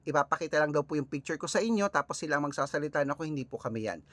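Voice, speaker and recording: A man from the Philippines hosting a casual vlog, chatting with viewers and reading out lucky numbers in a lively way. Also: on the high side, racing, no echo. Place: early morning, on his way out, with cars passing.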